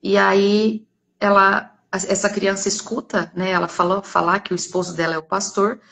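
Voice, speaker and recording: Brief: Brazilian woman, church testimony, earnest storyteller, slightly gravelly voice. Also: medium pitch, level tone, normal speed, fairly bright tone. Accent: Brazilian Portuguese.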